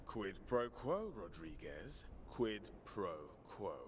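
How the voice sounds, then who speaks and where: A man's voice: fairly low pitch, big pitch swings, slow pace, a little hiss or hum. An actor playing a cheeky, theatrical male survivor in a zombie video game, wry and mock-pompous. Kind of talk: scripted video game acting.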